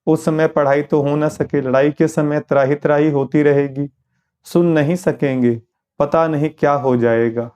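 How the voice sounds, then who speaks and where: A man explaining a spiritual lesson as a sermon, steady and explanatory, asking rhetorical questions. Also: a little high, unhurried, smooth. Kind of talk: sermon commentary.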